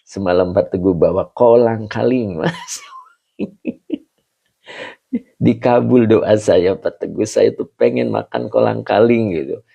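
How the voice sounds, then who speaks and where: A deep, gravelly man speaks slowly and chattily as he teaches a live Quran class, greeting his viewers by name and chuckling often. His dark, husky voice comes through a dull, lo-fi recording. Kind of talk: live online religious class.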